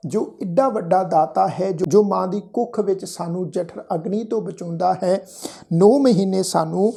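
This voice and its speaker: A woman teaching Sikh scripture in a gentle devotional talk. She chants verses slowly and carefully and explains how to pronounce them correctly. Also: on the low side, creaky. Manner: slow, drawn-out chanting of verses with careful diction. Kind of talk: gentle devotional exposition with recitation.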